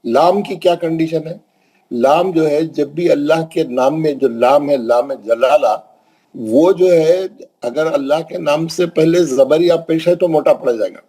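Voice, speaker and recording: Husky-voiced male Quran teacher. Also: on the high side, warm tone, poor audio. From Hyderabad, India. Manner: explains step by step with questions, then slow drawn-out recitation examples. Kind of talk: classroom tajweed lesson.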